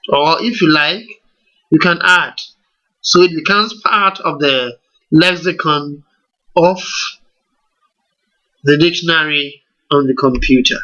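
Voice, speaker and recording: A Ghanaian-accented man leads a screen-recorded computer tutorial, moving step by step at a slow, deliberate pace and asking rhetorical questions. He sounds on the high side, pushed and bright, with lo-fi sound quality.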